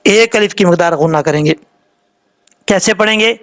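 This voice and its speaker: A man teaching Quran recitation rules, patiently going letter by letter and slowly drawing out each word he demonstrates. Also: high voice, a bit bright. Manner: slowly draws out sounds when demonstrating words. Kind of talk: tajweed lesson explaining pronunciation rules.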